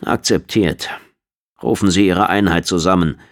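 A man's voice: low-pitched, a little slow. A skeptical senior officer asks dry, pointed questions, as a male narrator puts him on. It stays close to the reader's own voice, only slightly raised.

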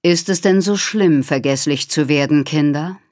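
A woman reading aloud voices a mysterious unseen stranger who speaks slowly and low in a coaxing tone. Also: darkish tone, dry recording, studio quality, lightly acted. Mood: eerie.

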